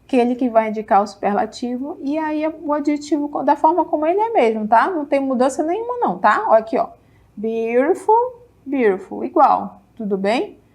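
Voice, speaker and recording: A middle-aged woman from Brazil with a Brazilian Portuguese accent, teaching an English lesson. She is lively and encouraging, checks in with students often, and says English words slowly and clearly. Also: high-pitched. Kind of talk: televised classroom lesson.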